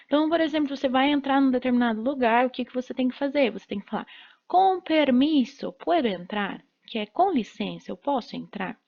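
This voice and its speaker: A woman teacher walks students through a lesson, pausing often to check they follow. Her voice sits fairly high. The recording sounds dull and lo-fi. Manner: explains slowly, checks in with "né?" and "certo?".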